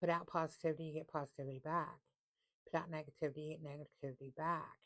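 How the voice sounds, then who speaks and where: A woman giving a casual tarot reading, reading card text slowly and repeating phrases for emphasis. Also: low voice, fairly even intonation, a bit bright. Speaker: tarot reader.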